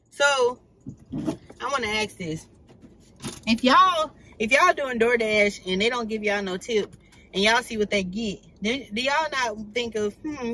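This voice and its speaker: A man's voice: very high-pitched, pushed and bright, a little hiss or hum, rough recording. A young man, chatting and teasing viewers while driving for food delivery in his car. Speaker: vlogger and delivery driver. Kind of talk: casual chat while driving.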